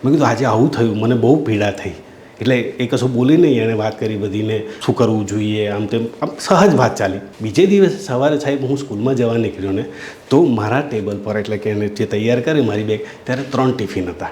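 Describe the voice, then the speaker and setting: A man's voice: mid-range voice, fast, darkish tone, slight background noise. A middle-aged man with a Gujarati accent, a school principal telling a heartfelt story from his school and addressing his listeners as sir. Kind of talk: storytelling talk. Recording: echoey room.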